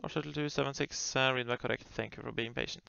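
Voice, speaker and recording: Creaky-voiced man on air traffic control radio. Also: mid-range voice, fairly even intonation, fast, bright, forceful tone, dry recording. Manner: clipped procedural phrasing, polite. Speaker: air traffic controller on a flight simulation network. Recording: muffled lo-fi radio audio.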